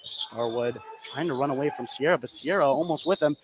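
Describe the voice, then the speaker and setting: A medium-pitched man briskly narrates a basketball game as it happens, sports-radio style. Behind his voice, the gym atmosphere and game noise are clearly heard.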